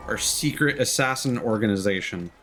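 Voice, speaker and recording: A livestream host and gamer chats casually while commentating on his game, drifting into rambling, wry asides. His voice is fairly low-pitched and a bit bright, at a normal speed, with slight background noise.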